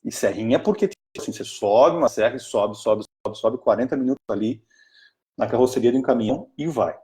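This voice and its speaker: A man's voice: medium pitch, fast, a little mellow. Enthusiastic Brazilian man telling a story. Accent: Brazilian Portuguese. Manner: chatty, enthusiastic, many fillers and restarts. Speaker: strategic planning mentor for an NGO. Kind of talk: casual live talk, storytelling.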